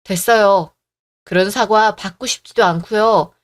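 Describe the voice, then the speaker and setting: A woman voicing a calm, assertive young wife who answers politely but firmly, in a radio drama. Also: mid-range voice, a little slow, dry recording, clean studio sound, natural voice. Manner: cool, firm, polite.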